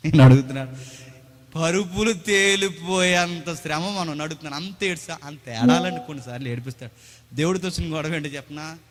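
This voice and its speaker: A man's voice: fairly high pitch, brisk, big-room sound. A man preaching a sermon with dramatic delivery, posing rhetorical questions and acting out the voices of people he quotes. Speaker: pastor. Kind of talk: Telugu sermon with acted dialogue.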